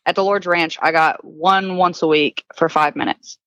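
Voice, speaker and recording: A woman's voice: sits low, steady tone, normal speed, fairly bright tone, no echo, lo-fi sound. A woman recounting her past plainly and earnestly as a guest in a casual interview. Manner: earnest, matter-of-fact recounting. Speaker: podcast guest.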